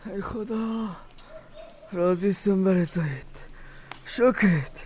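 A man's voice: high voice, a little mellow, slight background noise, lightly acted. An actor with an Afghan Dari accent playing a sick, bedridden father who weeps and begs forgiveness, in an audio drama. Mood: mournful. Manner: pleading, weeping, grateful.

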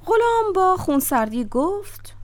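A woman narrating a classic tale in an expressive storytelling voice. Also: very high voice.

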